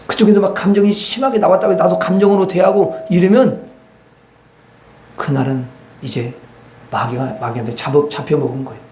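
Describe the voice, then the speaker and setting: Male pastor, high voice, emphatic sermon delivery; roomy church hall. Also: brisk, long pauses, a little mellow. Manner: emphatic, repeats and addresses the congregation. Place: church sanctuary. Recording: echoey church hall, faint noise.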